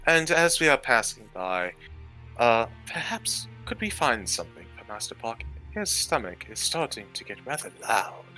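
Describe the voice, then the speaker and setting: A man plays a courteous fantasy adventurer with formal, measured manners at a tabletop game. The voice is bright and of middling pitch, with faint music behind it. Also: sing-song, rough recording. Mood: polite, measured.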